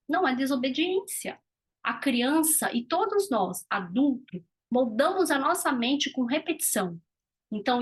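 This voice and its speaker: High, husky-voiced woman mentor. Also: fairly bright tone. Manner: earnest, explanatory, asks the listener questions. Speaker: communication mentor. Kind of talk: motivational teaching talk.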